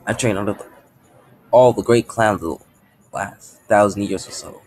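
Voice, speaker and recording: A man's voice: on the low side, moderate pace, a little mellow, husky, faint music behind. A man voicing an eccentric, cheerful circus clown with a grand showman's delivery, in a storybook reading. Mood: enthusiastic.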